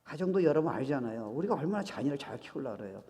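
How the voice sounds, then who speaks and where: A man's voice: mid-range voice, very fast. A male pastor preaching a sermon, telling stories with acted-out dialogue and dropping English phrases into his talk. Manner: animated storytelling, acts out dialogue, mixes English phrases. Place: church sanctuary. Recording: reverberant church sanctuary.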